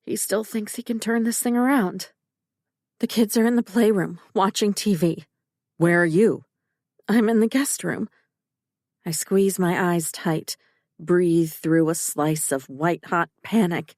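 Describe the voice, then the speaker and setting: A woman's voice: medium pitch, fairly even intonation, unhurried, darkish tone, dry recording, clean studio sound. A woman narrating a first-person thriller audiobook in a tense, urgent and emotional way.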